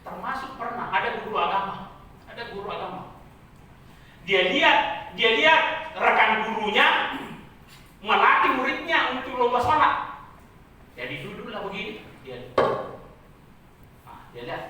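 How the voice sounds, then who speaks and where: Brief: male religious instructor, bright voice, lively repeating delivery, recorded far off in a very echoey hall. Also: high-pitched, normal speed, long pauses, a little hiss or hum. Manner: animated, repeats phrases, chuckles often. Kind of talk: classroom lecture. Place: training hall. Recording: roomy hall, voice from a distance.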